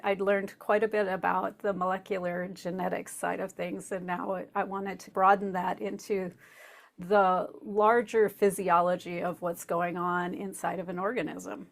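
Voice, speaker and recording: A woman, usually the host, answering interview questions in a relaxed way, laughing easily and explaining with asides. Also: fairly low pitch, normal speed, gravelly. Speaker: podcast host as guest.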